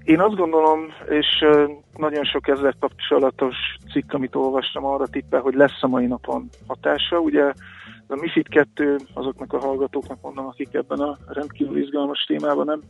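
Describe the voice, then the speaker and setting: A male market analyst talks through currency moves in a halting, explanatory way, filling his pauses with sounds. His voice is gravelly and flat in pitch. It comes over a thin, phone-like radio line with faint music underneath. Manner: hesitant, many filler sounds, explanatory. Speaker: financial analyst guest.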